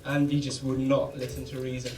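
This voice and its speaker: A man's voice: medium pitch, completely flat delivery, fairly quick. A British man giving an informal, bantering, laddish best man speech at a wedding reception. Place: wedding reception, speaking to guests. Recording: distant mic, loud crowd and noise.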